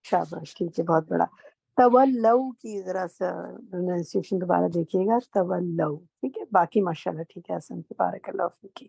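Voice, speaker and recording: A woman teaching a Quran translation class online, calling on students and gently correcting their pronunciation. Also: fairly low pitch, creaky, breathy edge, no echo.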